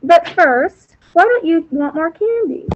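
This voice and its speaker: A woman's voice: very high-pitched, expressive, measured pace, dry recording. A woman playing a crotchety, sly old witch in a comic children's fairy-tale play. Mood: sly coaxing. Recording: thin, phone-like call audio.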